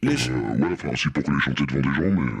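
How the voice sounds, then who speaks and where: Man with a disguised, pitched-down deep voice. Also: lively intonation, very fast, creaky, husky. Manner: hesitant, short guarded answers with many fillers. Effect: disguised voice, pitched very deep by a voice changer. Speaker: mystery guest singer on a radio panel show.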